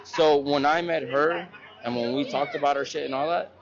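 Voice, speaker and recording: A man's voice: a little high, moderate pace. A young man telling a story in a casual street interview, rambling and full of slang and swearing. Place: busy public spot at night. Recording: muffled audio with crowd chatter.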